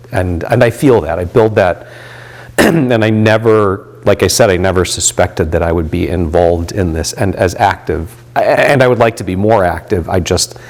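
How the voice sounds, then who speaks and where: A man in his late fifties with a deep, low voice talks through his volunteer ministry work. He speaks in a loose, rambling way, full of "um"s and restarted sentences. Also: moderate pace. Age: 50s. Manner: rambling, many fillers and restarts. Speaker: volunteer chaplain and pastor. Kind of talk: reflective interview talk.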